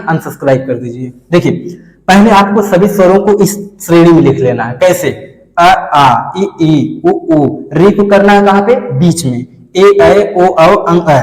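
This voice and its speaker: A male teacher with a high voice leads an exam-prep grammar lesson. He keeps firing questions at the class, answers them himself, and calls his viewers friends and kids. His voice rings around a roomy space with a long, trailing reverb. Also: a little mellow. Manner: demonstrates sounds by saying them over and over. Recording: echoey room with a long reverb.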